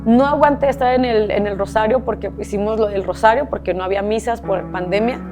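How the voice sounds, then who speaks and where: A woman's voice: mid-range voice, fairly quick, music in the background. A woman from Monterrey with a Mexican accent, a guest telling her life story candidly, repeating herself and swearing casually. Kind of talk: emotional personal storytelling.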